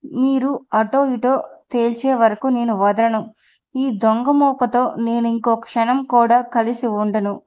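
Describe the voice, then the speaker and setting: A woman's voice: fairly high pitch, fairly even intonation, takes it slowly, darkish tone. A woman reader voicing a furious, proud middle-aged wife who scolds and confronts her husband in an audio novel. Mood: angry.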